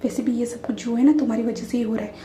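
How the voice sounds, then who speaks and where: Impatient young man as read by a woman, snappy retorts, mellow tone, slightly high. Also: fairly even intonation, quick pace, slight background noise, close to an everyday voice. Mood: irritated. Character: brusque young man, bossy and easily annoyed. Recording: echoey room.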